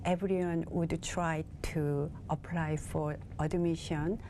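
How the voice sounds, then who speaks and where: A woman from South Korea, a native Korean speaker with a Korean accent, answers questions as a TV interview guest, speaking in a measured way as she searches for words in English. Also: low voice, flat delivery, warm tone, slight background noise. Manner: measured, searching for words in her second language. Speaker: guest, bilingual facilitator.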